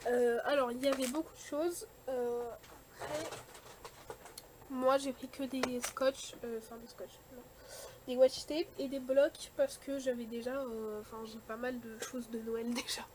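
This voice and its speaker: Young woman vlogging her haul, lots of euh and restarts, bit high voice, faint hiss behind. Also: steady tone. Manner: chatty, many fillers and restarts, quick likes and dislikes. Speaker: vlogger showing a shopping haul. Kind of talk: casual chat.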